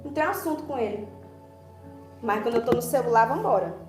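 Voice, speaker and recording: A woman's voice: a little high, expressive, fast talker. A woman pastor preaching a conversational sermon, acting out little dialogues along the way. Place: church hall. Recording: roomy church hall with faint music.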